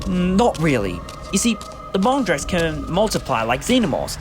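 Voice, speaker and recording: A commanding, theatrical adventurer hero, played by a man in a sci-fi audio drama. His voice is fairly high and animated in pitch, with clear music behind it. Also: normal speed. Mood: earnest, explaining. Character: heroic, indignant time-travelling alien adventurer, male.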